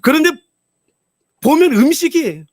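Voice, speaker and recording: A male pastor preaches at a revival, telling stories with animated energy. His voice is very high and swings widely, and it sounds close and dry. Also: measured pace, no room sound. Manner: animated storytelling, acts out voices. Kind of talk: revival sermon.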